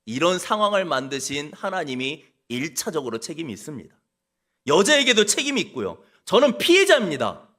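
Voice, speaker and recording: A preacher acting out an indignant ancient king who shouts and makes excuses. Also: sits high, very animated, normal speed, heavily acted. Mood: self-pitying excuses. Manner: shouting, indignant, self-justifying. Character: King David, furious then full of excuses.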